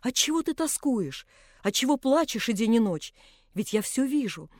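A tender old father speaks to his daughter through tears, imploring and loving, as a woman narrator reads him in an audiobook. The voice is mellow and warm-toned, with a close, dry sound. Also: fairly high pitch, big pitch swings, normal speed, no room sound. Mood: tearful tender.

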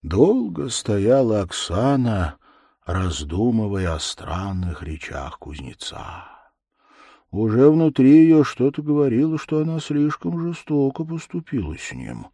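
A man narrates a classic tale with animated, theatrical delivery. His pitch swings widely through each sentence. The recording is close and dry, with no room sound. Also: measured pace, dry recording. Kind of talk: dramatic storybook reading.

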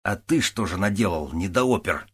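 Stern, sarcastic middle-aged police captain, as a male narrator puts him on, barking orders in an audiobook, husky low voice raised in exasperation. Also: expressive, normal speed. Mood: grating. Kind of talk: audiobook character voice.

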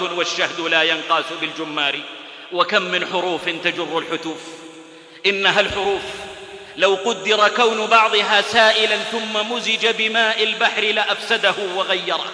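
A man's voice: high voice, pushed and bright. A man preaching a sermon, telling a story and reciting verse in rhythmic lines. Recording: echoey hall recording.

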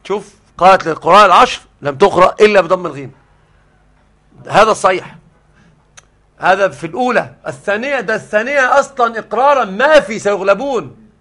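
A man's voice: high voice, quick pace, fairly bright tone. A man teaching a scholarly religious lesson, explaining the text step by step. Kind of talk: scholarly lesson on Quran readings.

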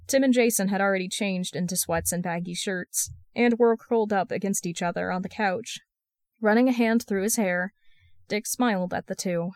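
Female podfic reader, steady storytelling voice, mid pitch, close dry recording. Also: no echo. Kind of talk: reading fan fiction aloud.

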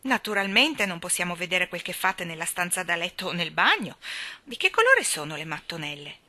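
A woman's voice: fairly low pitch, sing-song, brisk, pushed and bright, full character voice. A woman voicing a cheeky little boy painted on a china vase, who talks in a teasing, reproachful way.

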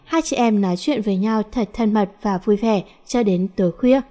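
A woman's voice: mid-range voice, normal speed, warm tone. A woman reading a first-person story aloud, voicing the characters' lines with small lifts in her voice.

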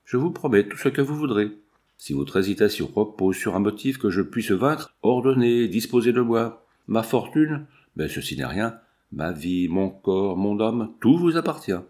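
A man reading the lines of an ardent young gentleman suitor in an earnest, pleading way. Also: fairly low pitch, big pitch swings, normal speed.

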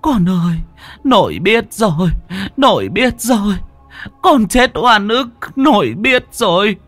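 A man's voice: sits high, big pitch swings, slow, fairly bright tone, dry recording, soft background music, pitched above the performer's own voice, heavily acted. A man voicing a grieving old village grandmother who pleads tearfully with a ghost. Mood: pleading.

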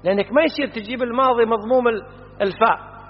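A man's voice: extremely high pitch, rapid-fire. A man teaches classical grammar, stopping often to quiz his listeners and stress each vowel. The recording is dull and lo-fi, with long reverb from a lecture hall. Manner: explanatory, quizzing students, stresses vowel patterns.

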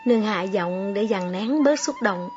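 Slow, measured woman storyteller. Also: medium pitch, noisy background. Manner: calm, measured, unhurried. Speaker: audiobook reader. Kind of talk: scripted story narration. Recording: slightly dull recording, soft music behind.

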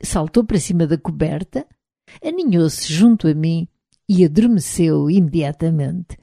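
A woman with a European Portuguese accent reading a first-person novel aloud in a measured, even storytelling manner. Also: low-pitched, vocal fry, no echo, clean studio sound. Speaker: audiobook narrator. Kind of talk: scripted first-person narration.

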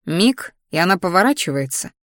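Woman narrator, first-person fantasy audiobook, steady measured reading, lowish pitch, dry sound. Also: no echo.

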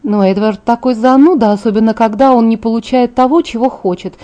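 A lively young woman talks in a high, emphatic way, brisk and teasing, as a woman narrator puts her on. Her tone stays mellow underneath. It is an audiobook reading. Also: natural voice.

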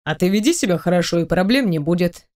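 A woman voicing a teasing, domineering male boss in an audiobook, speaking low, slow and mocking. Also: lively intonation, darkish tone, natural voice. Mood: stern.

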